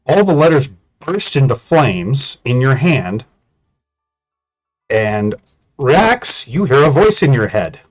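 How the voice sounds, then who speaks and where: A man's voice: medium pitch, very animated, slow. A man casually narrating a tabletop game as game master, in an informal way.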